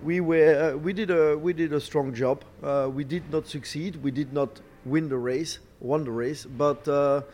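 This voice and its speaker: A middle-aged man, not a native English speaker, answering interview questions haltingly, searching for words and repeating phrases. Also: on the high side, fairly even intonation, a little mellow. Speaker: racing team boss, former driver. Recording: clear background noise, ambient sound.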